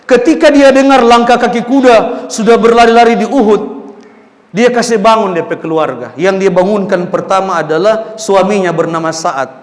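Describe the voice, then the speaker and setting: A male preacher with a Manado Malay accent, telling a story in a dramatic sermon that swings between loud and hushed. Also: high-pitched, moderate pace. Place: large mosque. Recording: echoey mosque hall.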